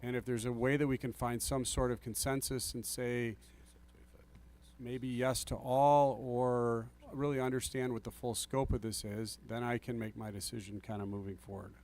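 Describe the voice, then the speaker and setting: A man's voice: medium pitch, level tone, normal speed, a little mellow. A man on a planning commission, talking earnestly at a public meeting, apologizing and thinking aloud with restarts into a table microphone he sometimes drifts away from. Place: council meeting room. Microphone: table microphone, sometimes off-axis.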